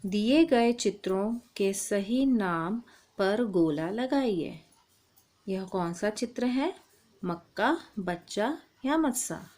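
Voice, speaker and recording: A woman teaching young children a Hindi lesson. She speaks slowly and patiently and says each sound and word on its own, at a middle pitch. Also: expressive, a little mellow. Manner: slow, patient, spells out sounds.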